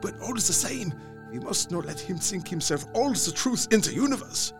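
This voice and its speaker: A man playing a grave, earnest older professor and vampire hunter in an audio drama, with creaky voice, quaint foreign phrasing and dramatic delivery. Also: high-pitched, lively intonation, normal speed, over music. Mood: lecturing.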